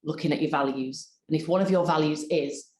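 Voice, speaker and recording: A woman, a personal development coach, giving a workshop presentation in an expressive, deliberate coaching tone. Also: deep voice, slight background noise. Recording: roomy echo.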